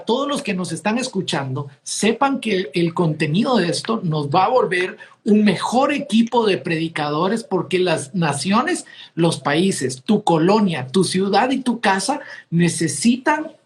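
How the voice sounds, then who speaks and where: A man hosts an interview podcast, speaking in a relaxed, conversational way. He reacts with eager enthusiasm and praises his guest often. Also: high-pitched. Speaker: podcast host. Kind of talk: casual interview talk.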